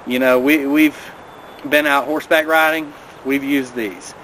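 A vlogger in his thirties stands outdoors by a river in a mountain valley, giving a friendly, practical rundown of hiking gear he recommends. His medium-pitched voice is steady, fairly bright, and a little slow. The poor-quality audio comes from a camera a few steps away, with clear background noise.

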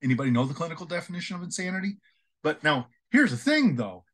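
A middle-aged man talks straight to camera in a loose, friendly way. His voice sits a little high and swings up and down a lot as he acts out both sides of a conversation. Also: big pitch swings, quick pace, a bit bright. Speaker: email management trainer. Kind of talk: casual talking-head video.

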